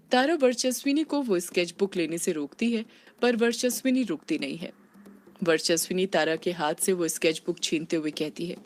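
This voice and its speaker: A woman reading a scripted audio story in a steady, even storytelling manner. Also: on the low side. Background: faint background music.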